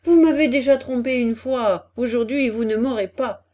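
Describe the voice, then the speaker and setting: A woman voicing a cheeky, excitable puppet boy in a storybook reading, with a high, loud, exclamatory delivery. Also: moderate pace, lightly acted. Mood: scornful.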